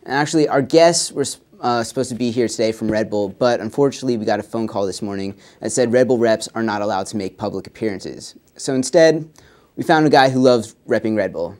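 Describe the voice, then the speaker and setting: A young man hosts a student comedy show in a dry, deadpan way. He rattles off jokes plainly and mutters his asides more quietly. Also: fairly low pitch, quick pace. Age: young adult.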